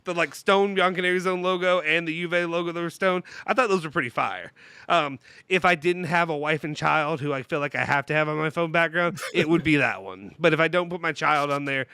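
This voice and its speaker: Fast-talking man with a nasal, blocked-nose voice. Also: a little high, sharp tone, clear, resonant tone, dry recording. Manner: jokey, rambling, self-deprecating. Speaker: YouTube channel host. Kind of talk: casual live-stream chat.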